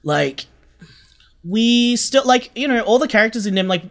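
An animated man with an extremely high, somewhat bright voice talks at normal speed as a guest on a podcast. The audio drama co-creator is reflective and earnest in the interview, going back over phrases to emphasize them.

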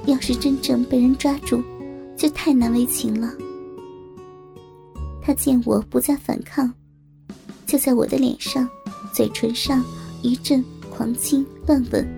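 A woman telling a first-person story in calm, steady narration. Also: high-pitched, measured pace, vocal fry, long pauses, over music.

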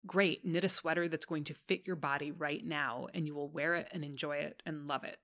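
A woman's voice: low voice, fairly even intonation, fairly quick, a bit bright, dry recording. A woman co-hosting a casual podcast, answering a listener's letter in a reassuring, conversational way with frequent "like"s. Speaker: podcast co-host.

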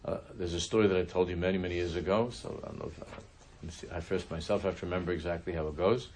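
Low-voiced man teaching a Torah class. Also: steady tone, a little mellow, a little hiss or hum. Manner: halting, restarting narration. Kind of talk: religious class with storytelling.

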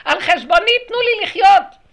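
A woman voicing the divine feminine presence as a high, loud, exasperated outcry of pleading complaint. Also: animated, vocal fry, heavily acted.

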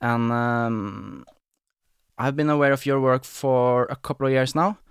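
Smooth-voiced male podcast host. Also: medium pitch, a little slow, no echo, studio quality. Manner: friendly, hesitant, lots of "um" and "uh". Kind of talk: casual interview talk.

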